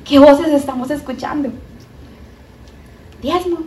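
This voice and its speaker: Colombian lady preaching, high voice, roomy hall, mic a bit far off. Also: slow pace, slight background noise. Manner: animated, acts out voices of doubters. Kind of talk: sermon. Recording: roomy, from a distance.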